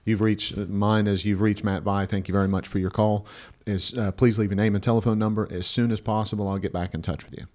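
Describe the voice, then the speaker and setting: A man in his fifties, co-hosting an advice podcast in a small studio, talks into a close stand-mounted mic. His voice sits fairly low and is a little mellow, delivered briskly in a level tone. He speaks bluntly and with emphasis, repeating phrases and checking in with "right?"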